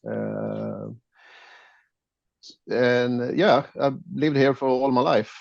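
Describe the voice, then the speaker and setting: A Swedish man with a gravelly, creaky voice and a Swedish accent, speaking English as a second language as an interview guest. He talks haltingly and laughs often. The sound is dull and lo-fi, like a remote call. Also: mid-range voice, dry recording. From Sweden. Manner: hesitant, many fillers and restarts, laughs often. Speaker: guest photographer. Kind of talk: casual interview chat.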